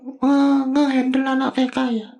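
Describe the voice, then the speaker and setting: A man voicing a high, squeaky co-host sidekick who asks eager questions in a podcast chat. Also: completely flat delivery, measured pace, darkish tone, muffled recording. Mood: chirpy.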